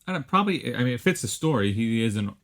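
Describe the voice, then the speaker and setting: A man co-hosting a film podcast, speaking in a measured, hesitant way with ums and restarts. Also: mid-range voice, sing-song. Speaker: podcast co-host. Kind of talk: casual film discussion.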